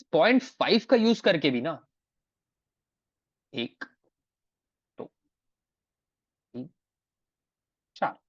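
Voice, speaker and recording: A man's voice: on the high side, no echo, dull audio. A man mentoring trading students in a live online class, repeating key phrases for emphasis and switching between two languages.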